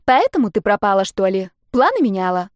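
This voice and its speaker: A woman's voice: mid-range voice, sing-song, fairly quick, no room sound, clean studio sound, natural voice. A woman voicing an indignant young female friend who scolds and exclaims in shock.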